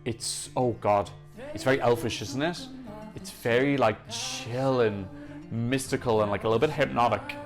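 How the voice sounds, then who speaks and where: A man's voice: mid-range voice, fairly even intonation, normal speed. A young man hosting a music reaction channel, chatting enthusiastically and gushing in casual analysis. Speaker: Eurovision reaction channel host.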